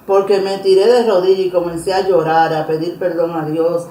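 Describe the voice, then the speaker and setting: A woman telling her personal religious testimony in an interview, earnest and emotional, pausing and restarting often. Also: lowish voice, fairly even intonation, warm tone. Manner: earnest, emotional storytelling with many pauses and restarts. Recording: roomy echo.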